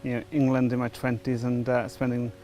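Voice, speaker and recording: In his pre-baptism testimony interview, a middle-aged Welsh church member speaks a little fast in a warm, monotone, mid-range voice. He comes across as hesitant, with lots of fillers and restarts.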